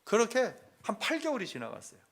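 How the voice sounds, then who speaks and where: With a high, husky voice whose pitch swoops wildly, this middle-aged male pastor talks fast as he tells a personal family story in a sermon. He moves between hushed confession and loud quotes that he acts out.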